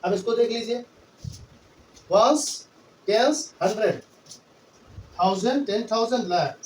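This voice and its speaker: This is a slow, high-pitched male voice with a slightly mellow quality. He teaches maths in mixed Hindi and English, patiently and repetitively counting out place values step by step, recorded from far off in an echoey room.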